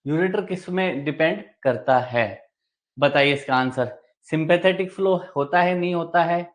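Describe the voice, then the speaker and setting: A male teacher running a live online exam-prep class, explaining step by step, repeating key terms and answering his own questions. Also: on the high side. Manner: mixes English technical terms into Hindi speech. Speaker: medical exam coaching teacher.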